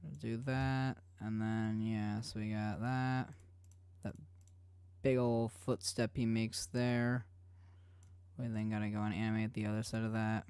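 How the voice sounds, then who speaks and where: A man's voice: on the low side, little pitch movement, a little slow, a little mellow, smooth, no echo. A man streaming live while he animates, chatting casually with viewers in a rambling way, full of restarts.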